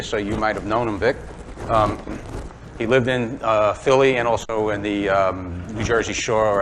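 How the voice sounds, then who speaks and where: Before a club audience in a workshop or club room, a sixtyish man from Brooklyn with a New York accent talks through a woodturning demo, chatty, self-deprecating, and full of ums and uhs. His voice is fairly low and a bit bright, with slight background noise.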